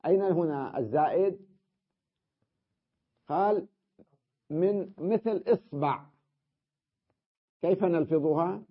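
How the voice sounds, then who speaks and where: Husky Arabic grammar teacher, lo-fi. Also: male voice, a little high, slow, pauses often. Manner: explains step by step, often checking with students. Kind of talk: classroom lesson.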